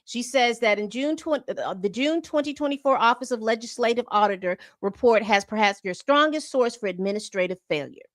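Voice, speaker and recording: A woman hosting a commentary channel reads aloud from a report, breaking off into exasperated asides. Her voice is on the high side and a bit bright, and the recording has no room sound.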